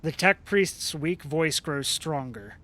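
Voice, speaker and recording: A man's voice: fairly high pitch, lively intonation, slow pace, bright, forceful tone. A young man streaming a game, reading its text aloud with casual joking asides.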